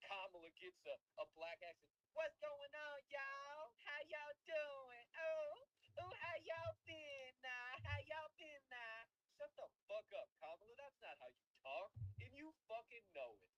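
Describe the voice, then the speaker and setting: A young man hosts his own podcast, ranting in a loose, heated way and swearing constantly. His pitch jumps high and drops low as he gets worked up. The talk is casual and opinionated. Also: rough recording. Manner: profane, heated, animated ranting. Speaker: podcast host.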